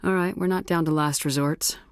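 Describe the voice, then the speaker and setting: A woman's voice: sits low, fairly even intonation, a little fast, dry recording, clean studio sound, close to an everyday voice. A woman playing a firm, blunt military commander in a video game, with clipped, authoritative delivery. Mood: serious, controlled. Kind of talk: video game dialogue acting.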